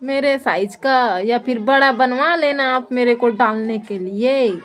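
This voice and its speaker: A woman's voice: a little high, measured pace, a little hiss or hum. A woman with a Chhattisgarhi accent hosting a casual live stream, reading viewer comments and teasing them playfully into her phone.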